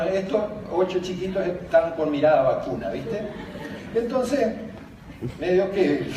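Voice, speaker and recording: Older Argentine man speaking in an echoey hall. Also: a little high. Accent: Argentine Spanish. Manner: anecdotal and jokey, laughing as he tells stories. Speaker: speaker on emotional education, former teacher. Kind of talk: conference talk. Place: large conference hall. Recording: very echoey hall, distant, background noise.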